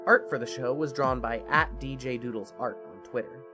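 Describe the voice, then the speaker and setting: Faint music plays behind an expressive, medium-pitched narrator reading scripted fiction for a podcast. The delivery is measured, like storytelling.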